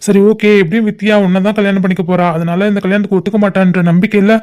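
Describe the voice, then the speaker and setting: A voice actor playing a worried young male friend in an animated comedy-drama, pressing urgently for answers. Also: medium pitch, racing, close to an everyday voice. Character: young man, worried friend, pushy questioner. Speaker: cartoon character.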